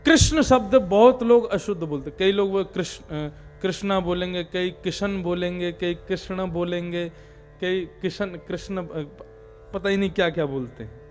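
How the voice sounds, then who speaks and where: A man preaching a devotional discourse, explaining in an animated way and breaking into sung chants as examples. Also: high-pitched, normal speed, faint music behind. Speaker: katha preacher.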